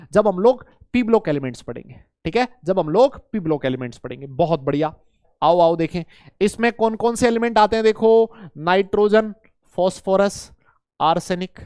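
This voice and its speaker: Man, chemistry teacher, high voice, dry close sound, quizzes the class, playful mnemonics. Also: a little mellow, dry recording. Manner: asks students questions and answers them himself; voices imagined student questions. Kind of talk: lively classroom lecture.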